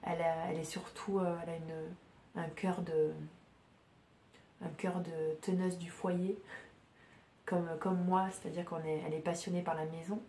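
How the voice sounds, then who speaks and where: A woman chatting casually as a podcast host, her voice a little low and soft-spoken. She talks haltingly, full of fillers and restarts. The recording sounds roomy, with a faint hum behind her. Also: flat delivery. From France. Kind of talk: casual chat.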